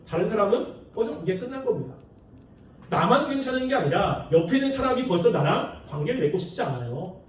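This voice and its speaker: A man preaching a sermon in a lively, animated way, acting out the people he quotes with laughs. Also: high-pitched, slight background noise. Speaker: pastor. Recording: echoey room, far from the mic.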